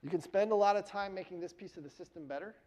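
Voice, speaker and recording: A university lecturer giving a classroom lecture, explaining step by step and often pausing to check in with the students. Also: male voice, high-pitched, dark tone, rough recording. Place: lecture hall.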